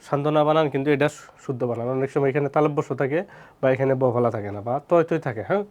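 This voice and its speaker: A man with a medium-pitched, darkish voice fires off an exam-prep lesson at rapid speed. He quizzes his listeners, answers his own questions, and repeats every word twice.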